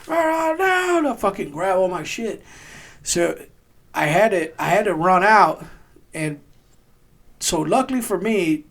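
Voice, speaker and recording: A man casually telling a rowdy army story on a podcast, swearing often and laughing as he acts out shouted quotes. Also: high-pitched, measured pace, vocal fry, pauses often. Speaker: podcast co-host, army veteran.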